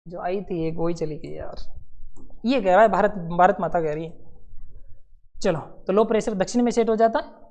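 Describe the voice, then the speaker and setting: A male teacher giving a lively classroom lecture to students preparing for competitive exams. He tells stories and acts out scenes, with quick asides. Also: high-pitched. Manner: storytelling, acting out scenes and voices, quick asides.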